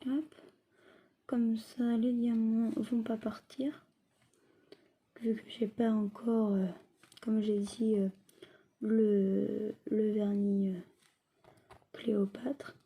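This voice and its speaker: A woman with a fairly high but slightly breathy, husky voice talks through a casual craft demonstration. Her delivery is unhurried and halting, and phrases often trail off unfinished. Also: level tone, mellow. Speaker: craft video creator.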